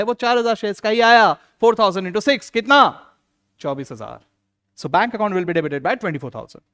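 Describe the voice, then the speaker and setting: A man teaching an accounts lesson, acting out teacher and student and slowing down to stress key rules. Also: high-pitched, clear, resonant tone. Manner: lively, plays both teacher and student in little dialogues. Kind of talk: classroom lecture.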